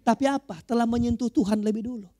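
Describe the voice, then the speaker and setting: A male pastor from Manado preaching a Pentecostal sermon. He swings from low, quiet phrases to loud shouting, with frequent hallelujahs. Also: fairly even intonation, fast, no room sound, studio quality. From Manado, Indonesia.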